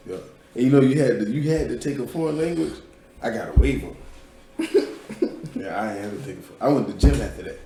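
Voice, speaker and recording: A man's voice: medium pitch, expressive, brisk, long pauses, mellow, reverberant. A man hosting a podcast, telling loose, profane stories in casual chat. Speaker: podcast host.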